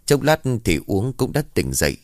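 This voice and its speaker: A man narrating a rural ghost story in a steady, even storytelling manner. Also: fairly low pitch, moderate pace, no echo, clean studio sound.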